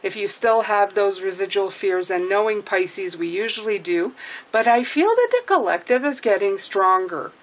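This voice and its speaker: This tarot reader, whose first language is French, speaks accented English in a mid-range voice with lively intonation at a moderate pace, though the audio is poor. Her casual reading is chatty and reassuring, frequently punctuated by a checking-in "okay?".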